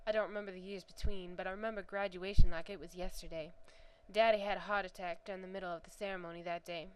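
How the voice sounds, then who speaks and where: A woman's voice: on the low side, steady tone, quick pace, clean tone, close to an everyday voice, rough recording. A woman voicing a grieving young woman from the American South, reading a first-person story in a Southern accent with a reflective, earnest manner. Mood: wistful.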